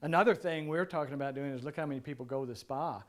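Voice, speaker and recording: A man presenting a seminar, answering audience questions in a relaxed, joking, rambling way, his voice going hoarse. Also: fairly high pitch, rapid-fire. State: losing his voice. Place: seminar room.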